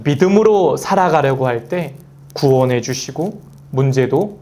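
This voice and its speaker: A male pastor preaching a Sunday sermon, reading scripture aloud and acting out the quoted pleas in a raised, animated voice. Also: mid-range voice, a little slow.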